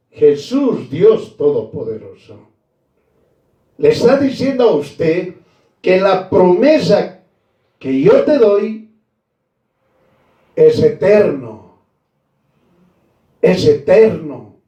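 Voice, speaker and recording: A man preaching a sermon slowly and emphatically, repeating key phrases and calling his listeners brother. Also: high voice, dark tone, reverberant, far from the mic, highs cut off.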